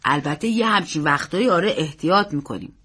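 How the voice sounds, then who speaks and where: A woman voicing a polite, careful male servant who speaks in a hushed, mysterious tone. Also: low-pitched, animated, slightly rough, full character voice. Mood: deferential.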